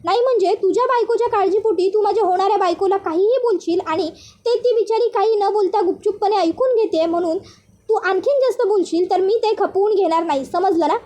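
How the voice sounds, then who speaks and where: A woman's voice: extremely high pitch, fairly quick, dark tone. A woman voicing a protective, confrontational young man in a retold serial, talking in a threatening way. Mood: angry.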